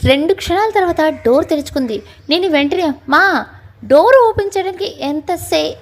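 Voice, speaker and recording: A woman narrating a scripted family audio story in a lively first-person telling. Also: high voice.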